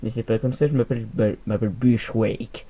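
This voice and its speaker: A man's voice: mid-range voice, fairly even intonation, brisk, slight background noise, pitched below the performer's own voice, close to an everyday voice. A man mumbling as a stubborn elf warrior. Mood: grumbling. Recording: muffled lo-fi recording.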